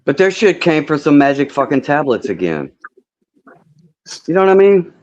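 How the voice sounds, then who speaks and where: A man in his fifties hosts a casual open-panel stream, rambling bluntly and swearing freely. His voice runs on the high side with big pitch swings, a moderate pace and a darkish tone, captured as muffled lo-fi audio.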